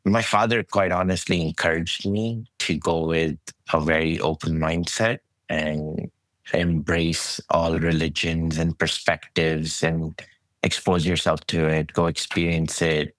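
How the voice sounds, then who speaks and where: Low-voiced man telling his story. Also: measured pace, no echo. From Saudi Arabia. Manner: relaxed storytelling, frequent restarts. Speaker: guest. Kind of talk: conversational interview.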